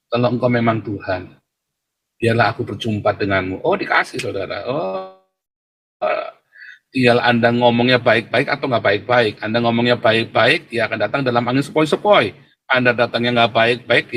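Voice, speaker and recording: Male pastor, casual livestream preaching, talks straight to his viewers, voice spikes high when agitated. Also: a bit bright, breathy edge. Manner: keeps addressing listeners as brothers and sisters, pitch leaps when agitated.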